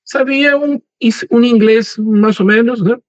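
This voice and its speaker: Over slightly muffled online call audio, a man from Lima, Peru, with an extremely high voice and no room sound, presents a webinar as a guest professor. His Peruvian Spanish carries Portuguese-tinged wording, and he talks unhurriedly, often adding "¿no?" and "¿eh?".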